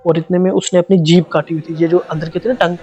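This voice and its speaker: A young man recounts an eerie story in casual vlog style. His voice sits slightly higher than usual for a man. He keeps it chatty and repeats phrases to build suspense. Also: flat delivery, fast talker, dark tone, lo-fi sound. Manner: conversational, dramatic retelling with many repetitions. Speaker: vlogger.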